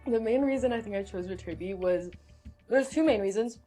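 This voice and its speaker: A woman's voice: fairly high pitch, fairly quick, dark tone, faint music behind. A young woman, a student ambassador, earnestly explaining her choice of school in casual chat. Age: young adult.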